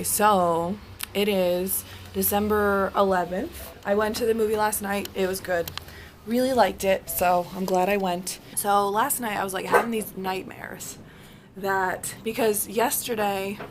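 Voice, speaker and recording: A young adult woman vlogger with a hoarse smoker's rasp, as if her voice is giving out, chatting casually and rambling to the camera. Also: medium pitch, steady tone, unhurried, a little hiss or hum. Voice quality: raspy smoker's rasp, voice wearing out. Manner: rambling, acts out reported exchanges. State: hoarse, close to losing voice.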